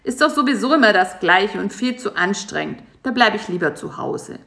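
A woman's voice: mid-range voice, very animated, moderate pace, creaky, fairly bright tone. A woman doing a grumpy old house spider. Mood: grumbling. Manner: grumbling, snappy. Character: grumpy lazy male spider, stay-at-home. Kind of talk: storybook voice acting. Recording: echoey room.

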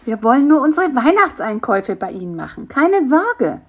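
Woman doing a chirpy high little fly. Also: big pitch swings, moderate pace, husky, dull audio, full character voice. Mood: encouraging. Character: cheerful cheeky male fly, reassuring.

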